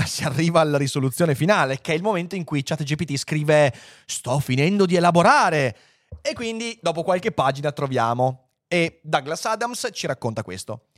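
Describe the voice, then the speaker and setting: A man's voice: on the high side, big pitch swings, moderate pace, no echo, clean studio sound. A man reading a passage aloud and then commenting on it in an amused, conversational lecture style. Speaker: lecturer on philosophy and literature.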